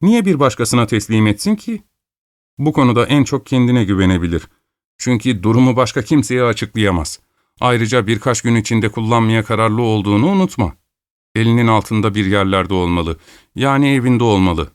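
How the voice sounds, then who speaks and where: A man's voice: on the low side, animated, moderate pace, clear, resonant tone, no echo, clean studio sound, natural voice. A man voicing a shrewd male detective who reasons aloud confidently in an audiobook. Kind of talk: audiobook character voice.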